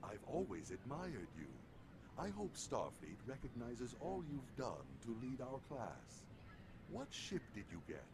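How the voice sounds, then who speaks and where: A man's voice: medium pitch, gravelly, heavily acted. A man playing a grateful, admiring young cadet in a video game, earnest and friendly. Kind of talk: scripted game dialogue. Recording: noisy game audio capture.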